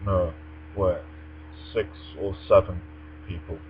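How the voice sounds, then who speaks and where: This vlogger is a young man whose English is polished and formal. His voice sits low, barely shifts in pitch, and moves slowly as he reads aloud and answers tag-challenge questions casually, recorded on a dull lo-fi microphone with mains hum.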